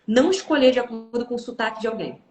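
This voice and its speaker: Speaking fast with lively intonation, this woman has a higher-than-average voice and a darkish tone, and the sound is roomy. She's an English teacher with a Brazilian Portuguese accent, guesting on a casual live stream and sharing her opinions in an encouraging manner.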